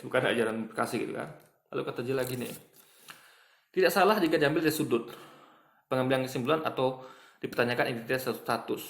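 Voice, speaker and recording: A man's voice: medium pitch, creaky, echoey room. A man giving argumentative video commentary to his viewers, repeating himself and restarting often. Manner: repetitive, addresses viewers as "guys", many restarts. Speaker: commentator responding to online posts.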